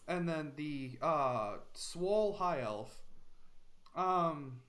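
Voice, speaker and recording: A man's voice: fairly high pitch, animated, drawn-out words, a bit bright. A man narrating as game master in a tabletop role-playing session, hesitant with many fillers.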